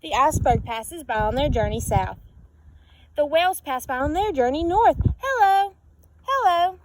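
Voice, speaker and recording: At a normal speed, a woman with a high voice reads aloud from a children's picture book, sounding expressive and using sing-song repeats and questions for her audience. The low-quality recording has steady background noise.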